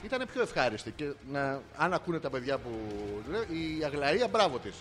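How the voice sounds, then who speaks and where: A man's voice: fairly high pitch, very animated, fairly bright tone. A man co-hosting a podcast in casual chat, rambling through a holiday story and quoting the people in it. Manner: rambling, tells a holiday story with quoted dialogue. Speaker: podcast co-host.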